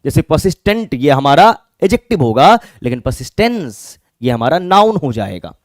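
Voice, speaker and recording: A man with a Bihari Hindi accent teaches exam vocabulary in a fairly high voice, asking questions and then answering them himself. He spells words out letter by letter. The sound is dry and close, with no room around it. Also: sing-song, normal speed, no echo. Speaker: English teacher. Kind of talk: exam-prep vocabulary lesson.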